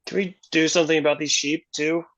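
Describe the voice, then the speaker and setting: A woman's voice: low-pitched, steady tone, quick pace. A woman playing a tabletop game, making joking, exasperated asides. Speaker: player. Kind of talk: tabletop role-play chat.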